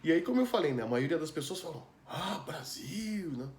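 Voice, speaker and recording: Speaking very fast, this Brazilian man's voice sits on the high side, with big swings in pitch, a darkish tone, and a slight hiss or hum. In his Brazilian Portuguese accent he chats through a personal anecdote, laughing a lot and tossing in asides and tag questions. There's a roomy echo with faint ambience around him.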